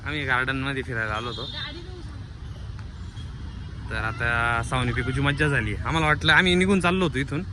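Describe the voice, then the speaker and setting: A chatty man narrating a family outing straight to his viewers, with a mid-range voice and an easy, conversational manner. He records outdoors on a handheld phone. Loud traffic and street noise run underneath. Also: medium pitch, brisk, pauses often. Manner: chatty, addresses viewers as friends, hurries the children along. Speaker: family vlogger. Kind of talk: casual vlog narration to viewers. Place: outdoor public garden.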